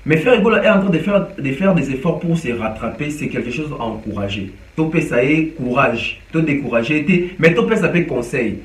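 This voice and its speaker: A man from DR Congo gives casual, animated commentary on music news, mixing French with Lingala and hesitating frequently. His voice is a little high and a little fast with hardly any pauses, recorded at a distance from the mic in an echoey room.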